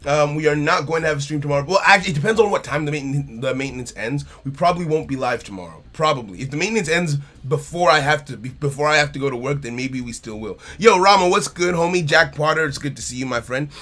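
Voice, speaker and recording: A man's voice: on the high side, quick pace, hardly any pauses, bright, forceful tone. A man streaming a card game live, chatting casually and greeting viewers by name while repeating his phrases.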